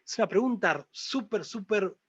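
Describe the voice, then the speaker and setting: Argentine male lecturer, slightly high-pitched, playful asides and rhetorical questions, muffled recording. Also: expressive, normal speed, husky, no echo. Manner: joking asides, rhetorical questions, repeats key terms. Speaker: surgery lecturer.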